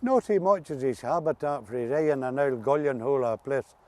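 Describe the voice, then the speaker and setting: A man with an Ulster Scots accent, appearing as an interview guest, chats casually and reminisces in folksy dialect about local dialect words. His mid-range voice is expressive and a little mellow, and he talks slightly fast.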